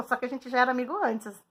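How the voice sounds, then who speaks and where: A woman's voice: sits high, a bit bright, a little hiss or hum. Chatty, frank woman talking to viewers. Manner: chatty, frank, laughs often, addresses viewers as "gente". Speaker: vlogger. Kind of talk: casual monologue to viewers.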